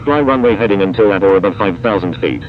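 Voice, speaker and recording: A man speaking as an air traffic controller, reciting procedural instructions in set radio phraseology. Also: quick pace. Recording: muffled radio with loud rumbling noise.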